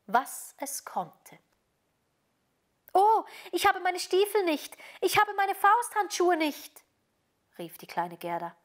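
A woman reading a fairy tale aloud as storyteller, slow, deliberate and softly expressive. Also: medium pitch.

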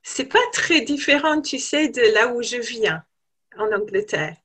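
A woman in her forties from northern England, whose first language is English, speaks slowly and hesitantly as a guest on a video call. Her voice sits a little high, and she talks in a thoughtful, unhurried way with fillers through a webcam mic from a room at home. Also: very animated, a bit bright, breathy edge. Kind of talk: casual video call interview.

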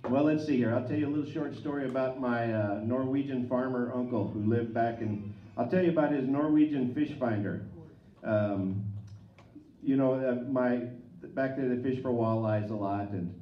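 A man's voice: medium pitch, normal speed. A man telling a short folksy story at a music gathering, rambling a bit. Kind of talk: casual live storytelling. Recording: echoey, distant, muffled live room.

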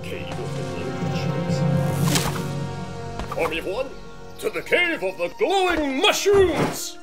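A gloating cartoon thief villain. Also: male voice, very high-pitched, wildly swooping pitch, a little slow, full character voice. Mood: scheming. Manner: sly, theatrical, gloating. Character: scheming male thief villain, boastful, sneaky. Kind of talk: animated series voice acting. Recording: music score behind voice.

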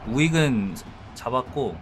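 A man's voice: mid-range voice, lively intonation, a little slow, noisy background. A man commentating casually on a strategy game, thinking aloud and explaining his moves to viewers. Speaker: game streamer. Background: game music.

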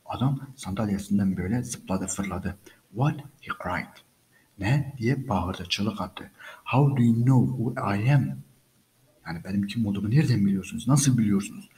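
This man reads a story aloud to teach English, patiently explaining every line, repeating phrases, and talking to his listeners as if they were friends. His voice is fairly low with a darkish tone, and the audio quality is poor.

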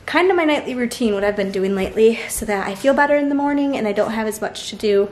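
Chatty young mom vlogging at home. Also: female voice, a little high, animated, fast, slight background noise. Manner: chatty, matter-of-fact, talks to her children in between. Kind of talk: casual vlog narration. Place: home, backyard and kitchen. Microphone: handheld camera mic.

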